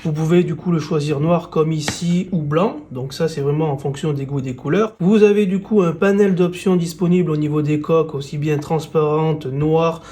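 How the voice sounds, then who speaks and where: A man talking through phone accessories as he unboxes them, casual and loose, often pausing on small fillers. His voice sits a little high for a man yet sounds warm and soft. A faint hum lies behind him. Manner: casual, relaxed, with many fillers. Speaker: tech reviewer. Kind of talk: product presentation and unboxing.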